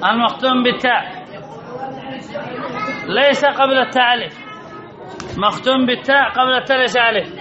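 A man's voice: very high-pitched, fairly even intonation, a little fast, pauses often, a crowd in the background. A man teaching a grammar lesson, repeating rules and quizzing his listeners with questions. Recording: dull lo-fi recording with audience murmur.

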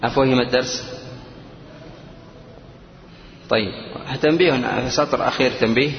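A man teaching a grammar lesson, explaining slowly and asking his students questions as he goes. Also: mid-range voice, creaky. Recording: echoey dull room with faint noise.

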